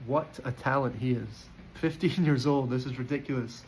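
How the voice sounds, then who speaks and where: A man's voice: mid-range voice, moderate pace, a little mellow, slight background noise, poor audio. A man giving casual, opinionated football player ratings in a chatty way, with frequent fillers and restarts. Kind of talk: casual post-match reaction.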